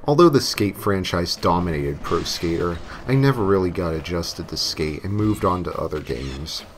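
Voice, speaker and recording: The narrator's voice sits low, with lively intonation and normal speed, over slight background noise. He reads a scripted story tongue-in-cheek, sometimes hamming it up, as novelty songs and game music play behind him.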